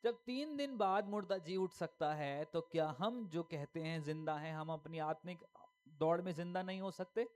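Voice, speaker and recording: A man's voice: fairly high pitch, moderate pace. A male pastor preaching a sermon emphatically, firing rhetorical questions and repeating key lines.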